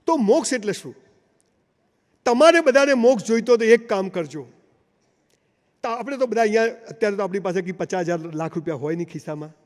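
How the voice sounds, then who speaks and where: A man's voice: high-pitched, lively intonation, fairly quick, pauses often. A man giving a motivational speech to a live audience, telling stories with acted dialogue and rising to emphatic calls. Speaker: motivational speaker. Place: large hall, before a seated audience. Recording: long hall reverb.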